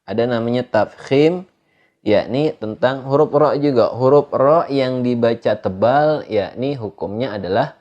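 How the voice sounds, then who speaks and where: A man's voice: medium pitch, a little slow, a little mellow, dull audio. A man teaching Quran recitation rules, explaining patiently and drawing out each recited example. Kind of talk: tajwid lesson. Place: studio.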